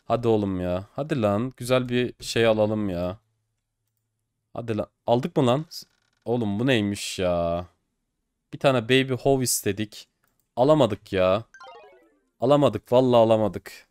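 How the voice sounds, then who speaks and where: A young man giving casual commentary while opening game cases online. He gets excitable, swears and pleads at the screen. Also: on the low side, a little slow, long pauses, smooth, no echo, studio quality, faint music behind. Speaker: case-opening streamer.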